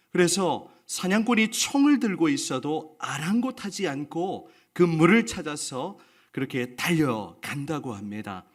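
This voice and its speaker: A male pastor preaching a sermon, earnest and putting questions to the congregation. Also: a little high.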